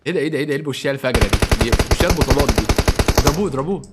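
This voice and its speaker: A young man with an Egyptian Arabic accent gives live commentary on a mobile shooter game. He sounds excitable and panicky and keeps pleading with his teammates for help. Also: mid-range voice, racing, very noisy. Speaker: gaming streamer.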